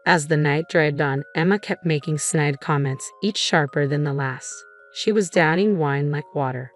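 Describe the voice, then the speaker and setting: A young adult woman narrating a dramatic first-person story in a steady storytelling manner. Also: low-pitched, moderate pace. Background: faint background music.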